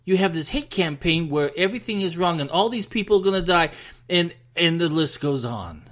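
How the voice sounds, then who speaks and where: An American man delivers a solo political rant in a somewhat high voice. He speaks emphatically and with open frustration, addressing his listeners directly. At times he sounds short of breath. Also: animated, a little fast, fairly bright tone. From United States. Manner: frustrated, emphatic ranting to the audience. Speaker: political commentary host.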